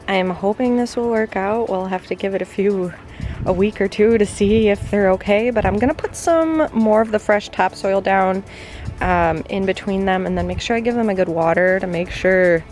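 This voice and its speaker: A woman's voice: mid-range voice, darkish tone. Chatty woman vlogging her garden. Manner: chatty, with frequent "like" fillers. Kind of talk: casual vlog chat and voice-over.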